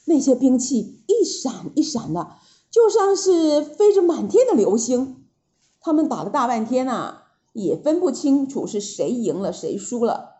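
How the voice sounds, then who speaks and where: 生动讲故事的高音女声. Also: female voice, high-pitched, a little slow. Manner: expressive, animated. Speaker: storyteller. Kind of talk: children's story narration.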